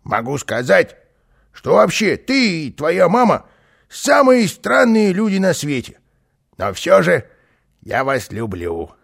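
A man's voice: a little high, wildly swooping pitch, slow, creaky, exaggerated voice. A man voicing a boastful, mischievous plump little man who flies, in a showy singsong manner for a storybook reading. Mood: boastful, teasing. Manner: showy, singsong, self-praising. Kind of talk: storybook reading, voiced character.

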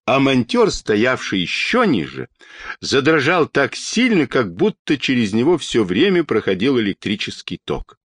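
A man narrating a children's storybook in an expressive, animated reading. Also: medium pitch, a little slow, dry recording, studio quality.

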